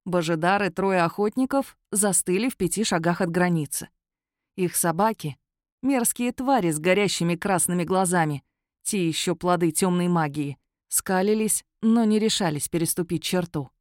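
A woman reading a first-person fantasy story aloud with a wry, lively storytelling manner. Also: fairly low pitch, no room sound, studio quality. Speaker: narrator. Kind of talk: first-person audiobook narration.

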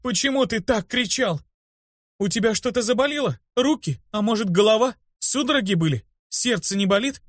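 Audiobook: man doing a bossy young healer woman, high-pitched, scolding, dry close mic. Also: animated, no echo. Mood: worried. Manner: anxious rapid questioning, scolding. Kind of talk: audiobook character voice.

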